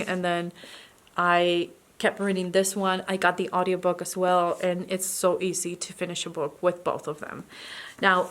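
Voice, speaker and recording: A woman whose first language is not English, chatting casually as a book vlogger, talking in a friendly, slightly halting way and pausing to search for words. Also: on the low side. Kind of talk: casual chat about books.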